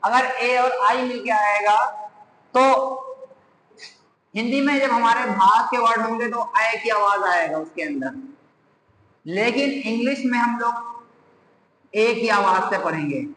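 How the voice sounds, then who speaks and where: Male grammar teacher, very high voice, slow and deliberate, spells words aloud; roomy reverberant recording. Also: pushed and bright, slight background noise. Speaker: English teacher. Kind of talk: classroom grammar lesson. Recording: echoey room with long reverb.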